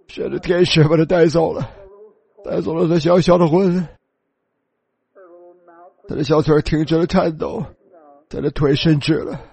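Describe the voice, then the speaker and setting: A man's voice: fairly high pitch, steady tone, moderate pace, vocal fry, long pauses, darkish tone, husky. A man preaching and telling a personal testimony in an emotional, pleading, tearful way.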